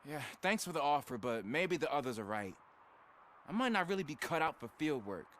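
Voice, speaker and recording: A man's voice: a little high, big pitch swings, fairly quick, fairly bright tone, a little hiss or hum. An actor playing an earnest, self-doubting young rookie policeman in a video game, talking conversationally.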